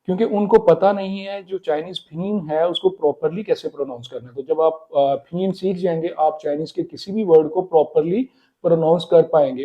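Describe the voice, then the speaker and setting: A man explaining Chinese pronunciation in a casual spoken lesson, repeating words slowly. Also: high voice, mellow, highs cut off. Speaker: Chinese language teacher.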